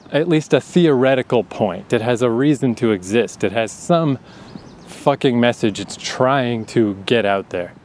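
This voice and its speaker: A man in his thirties, a podcast host with a slight Atlantic Canadian accent, speaks in a medium-pitched, somewhat mellow voice. Outdoors in a breezy urban area, he gives a candid, rambling monologue with plenty of laughter and free swearing. Slight background noise is present.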